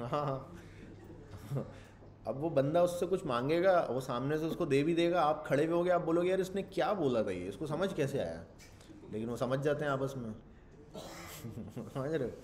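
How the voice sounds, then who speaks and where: A man's voice: a little high, expressive, normal speed, long pauses, darkish tone. Rambling man thinking aloud while coding. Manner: rambling, thinks aloud, mixes English terms into Urdu. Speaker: programming instructor. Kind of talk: casual screen-share coding lecture.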